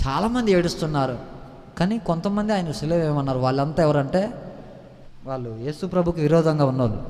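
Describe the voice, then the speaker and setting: Pastor guy, high voice, preaching hard in a long echoey hall. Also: warm tone. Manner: fervent preaching, questions and calls to the congregation. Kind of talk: impassioned sermon.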